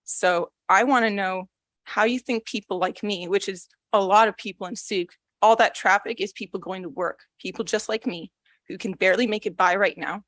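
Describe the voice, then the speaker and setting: A woman's voice: mid-range voice, moderate pace, fairly bright tone, dry recording. A young woman speaking at a public hearing, nervous yet blunt and frustrated. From Canada. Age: young adult. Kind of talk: public comment. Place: council chamber.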